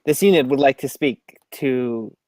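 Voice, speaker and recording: A player voicing a terse robot AI stowaway that refers to itself in the third person, with a quiet, flat robotic delivery, in a tabletop role-play. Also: mid-range voice, a little slow, no echo, close to an everyday voice. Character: stealthy robot AI stowaway, curt.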